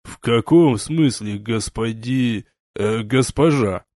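A man reading an audiobook, voicing a shy, embarrassed young man who speaks slowly and hesitantly. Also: medium pitch, a little mellow, no echo, clean studio sound, lightly acted. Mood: sheepish.

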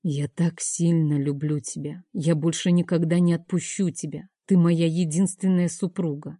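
A woman reading an audiobook, voicing a devoted young husband in a soft, slow, tender way. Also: deep voice, fairly even intonation, breathy edge, no room sound, studio quality.

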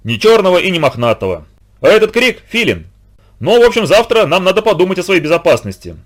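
Brief: man doing a calm, kindly adult guardian, lively and reassuring in a storybook reading. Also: high voice, fast, voice pushed up. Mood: matter-of-fact. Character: kind, steady grown man leading children.

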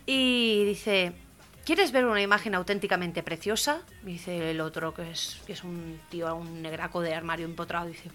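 A woman, hosting a radio comedy show, telling jokes lively and acting out the characters loudly. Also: lowish voice, normal speed, faint music behind.

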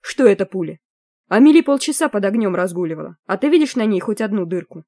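A wry, laid-back schoolboy troublemaker, read by a woman narrating a storybook. Her tone stays warm and dark, with a dry close sound. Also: medium pitch, animated, quick pace, dry recording. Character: cocky mischievous schoolboy.

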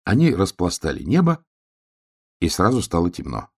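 Low husky male storyteller. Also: moderate pace. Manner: expressive, lively storytelling. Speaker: narrator. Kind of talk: storybook narration.

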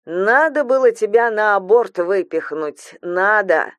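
A spiteful older mother-in-law, put on by a woman reading aloud, drawls her words slowly and coldly with a hissing edge. Her voice sits in a middle register, close and dry with no room around it. She sounds contemptuous, as in a spoken horror audiobook. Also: mid-range voice, lively intonation, no echo, close to an everyday voice. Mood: venomous. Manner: slow, cold, hissing and contemptuous. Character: harsh cruel older mother-in-law, venomous.

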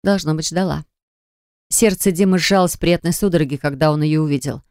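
A woman's voice: low voice, brisk, darkish tone, no room sound, clean studio sound. Woman narrating a romance audiobook. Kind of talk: scripted novel narration.

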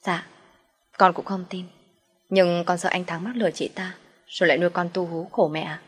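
A woman voicing a young wife, firm in retorts and gentle with her mother-in-law. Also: lowish voice, fairly even intonation, moderate pace, husky.

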